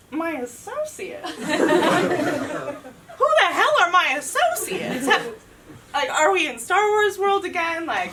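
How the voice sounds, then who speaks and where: A young woman doing a stand-up comedy monologue, profane and sarcastic, with an animated delivery. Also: extremely high pitch. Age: young adult. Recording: distant mic with loud room noise.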